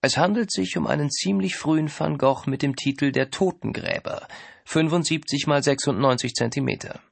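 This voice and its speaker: A man's voice: fairly high pitch, moderate pace, creaky, dry recording, voice pushed up. A man doing a stiff fake French agent. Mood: stiffly formal. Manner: stiff, over-careful, formal. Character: Mitch posing as a French art agent with a forced accent.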